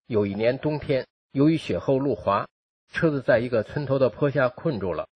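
A man reading a first-person account aloud in a steady, even narrating manner. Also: medium pitch, moderate pace, slightly rough, no room sound, dull audio. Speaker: reader of a personal testimony.

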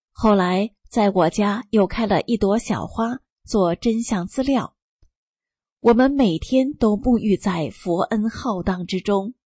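A woman reading a first-person testimony aloud, telling it in a calm and steady way. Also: mid-range voice, husky, dry recording. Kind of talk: scripted narration.

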